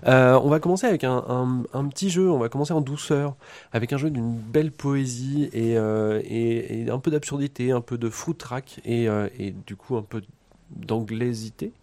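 A man's voice: medium pitch, moderate pace, dark tone. A man with a cold, a video game columnist on a radio show, talking casually with lots of fillers and repeated words. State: has a cold. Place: radio studio.

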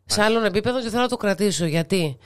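A woman's voice: medium pitch, lively intonation, clear, resonant tone. A middle-aged woman with a Cypriot Greek accent, chatting informally and emphatically as a guest in an interview. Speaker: radio presenter being interviewed. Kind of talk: casual conversational interview talk.

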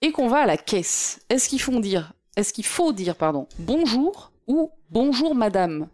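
Rambling, self-mocking woman with a higher voice. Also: sing-song, a little slow, darkish tone. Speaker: podcast co-host. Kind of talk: casual chat.

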